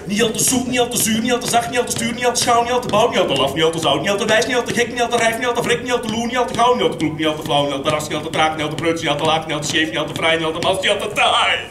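A man's voice: sits high, racing, hardly any pauses. Man rattling off a rhythmic poem. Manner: rhythmic, list-like chanting. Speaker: slam poet. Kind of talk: performance poetry recital. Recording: roomy echo from a distance with background noise.

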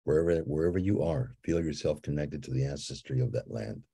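Leading a visioning exercise as a ceremony leader, a Guatemalan man with a very deep, husky voice guides a meditation and tells a story. He speaks slowly and calmly in a mellow tone, softly repeating invitations to feel and imagine.

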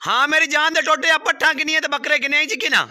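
A man hosting a casual outdoor video and haggling in a brisk, bossy way. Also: very high voice, fairly even intonation, sharp tone. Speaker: livestock dealer and video host. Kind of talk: casual on-camera bargaining. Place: outdoor farmyard.

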